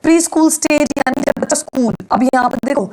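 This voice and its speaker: A woman's voice: sits high, brisk, darkish tone, poor audio. Woman teacher explaining step by step. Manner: explains step by step, asks and answers her own questions. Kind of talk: exam-prep lecture.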